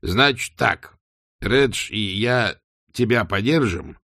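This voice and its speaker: A very old undead wizard talks in a low, even, unhurried voice, as a male narrator plays him. He stays calm and gently ironic. The sound is close and dry. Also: no echo, full character voice.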